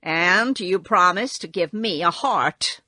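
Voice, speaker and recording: A woman's voice: lowish voice, animated, slow, pushed and bright, no room sound, exaggerated voice. A woman voicing an angry, impatient man of tin in a storybook, emphatic and indignant. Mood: angry, demanding.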